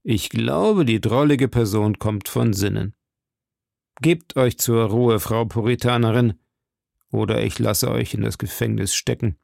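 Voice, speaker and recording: A man's voice: mid-range voice, unhurried, vocal fry, darkish tone, no echo, studio quality. A man voicing a scornful, mocking English nobleman in an audiobook, with a sneering manner. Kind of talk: audiobook character voice.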